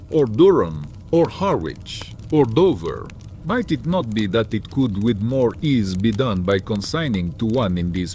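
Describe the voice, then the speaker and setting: An actor playing a sinister, courteous vampire count in an audiobook drama, with formal, deliberate, archaic speech and lingering pauses. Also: male voice, on the low side, darkish tone, a little hiss or hum.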